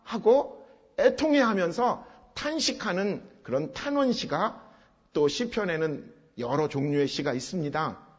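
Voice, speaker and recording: Speaking at a measured pace in a high-pitched, expressive, slightly rough voice, this pastor works through an expository sermon step by step. He presses his points with emphatic repetition, and the sound is dull with long hall reverb.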